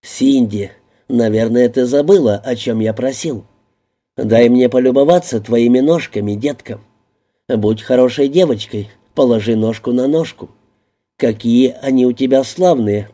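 A smug, coercive man who speaks with slow, even, coaxing menace, as the reader gives him voice. His voice is very dark and mellow, held at a middling pitch. His words come out level and unhurried in this audiobook reading. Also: close to an everyday voice.

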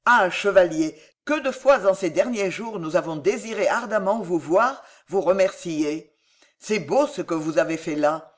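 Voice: medium pitch, unhurried, lightly acted. A reader voicing an effusive Protestant nobleman. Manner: exclamatory, effusive. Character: warm, effusive Protestant nobleman greeting a hero. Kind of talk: audiobook character reading.

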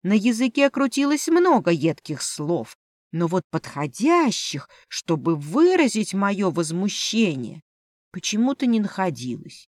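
Slow, expressive woman audiobook narrator. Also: mid-range voice, no echo, studio quality. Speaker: audiobook reader. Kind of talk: first-person fantasy audiobook narration.

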